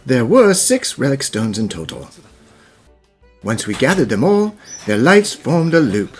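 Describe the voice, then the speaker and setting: A man voicing a composed, thoughtful gentleman professor who explains things formally in an animated fan dub. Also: medium pitch, measured pace, soft background music. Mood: explanatory. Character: gentlemanly puzzle-solving professor, thoughtful, devoted father.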